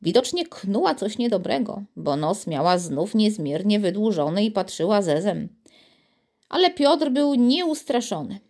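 A woman reads a children's storybook aloud as narrator, in a steady and lively telling. Her voice sits at an ordinary middle pitch for a woman. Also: unhurried. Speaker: audiobook narrator.

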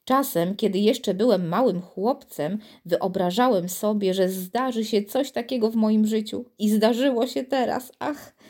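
A fretful, dreamy city president from a children's storybook, sighing over his troubles and longing to be invisible, as a woman reader puts him on. His talk swings between gloom and wistful excitement, with an ordinary middle pitch. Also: unhurried, hardly any pauses, lightly acted. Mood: moved.

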